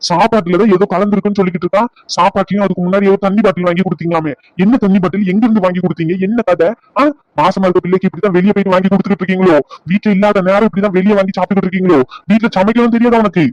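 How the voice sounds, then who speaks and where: A man voicing an angry husband in a cartoon who shouts accusations at his family, heard on a dull, lo-fi recording. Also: high-pitched, fairly even intonation, rapid-fire, no room sound, lightly acted. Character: angry young husband storming home. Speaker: cartoon character.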